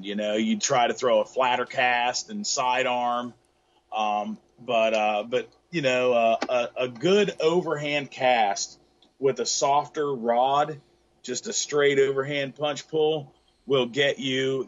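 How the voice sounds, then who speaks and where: A man's voice: medium pitch, fairly bright tone, muffled recording, slight background noise. A middle-aged man explaining surf fishing technique on a video call from a tackle shop, with lots of fillers and restarts. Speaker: guest fishing expert. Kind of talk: casual video-call interview. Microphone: laptop webcam on a video call.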